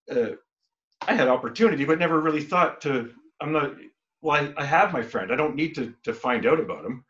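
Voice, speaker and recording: A man who plays in a band talks loosely in an interview, trailing off, starting over and slipping into the voices of people he quotes. His pitch sits in an ordinary middle range. The recording sounds dull and lo-fi. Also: a bit bright. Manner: rambling, many restarts, acts out quoted exchanges. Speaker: band member. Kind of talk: casual interview talk.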